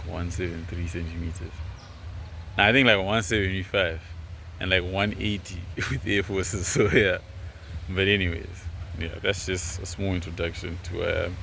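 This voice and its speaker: A man's voice: low voice, vocal fry, bright, forceful tone, poor audio. A man in his twenties from Zimbabwe, talking casually and earnestly to camera, rambling with lots of fillers. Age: 20s. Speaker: vlogger. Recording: noticeable background noise, rain.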